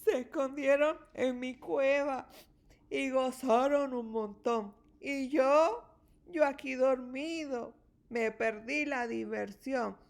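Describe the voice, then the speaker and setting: A woman's voice: sits high, slow pace, creaky, exaggerated voice. A woman voicing a big sleepy bear in a children's storybook, speaking in a plaintive, whining way. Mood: sulky. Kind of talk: storybook character voice.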